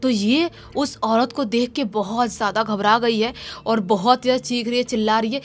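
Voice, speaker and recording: A woman's voice: fairly high pitch, steady tone, normal speed. A woman narrating a horror story in a casual way and acting out the dialogue of the people in it.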